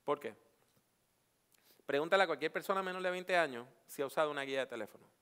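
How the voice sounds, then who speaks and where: Running a preaching workshop, this middle-aged Puerto Rican pastor talks quickly in a fairly high, bright voice that is clear and resonant. He has a neutral Latin American Spanish accent and keeps peppering the audience with rhetorical questions, while a big hall adds long reverb.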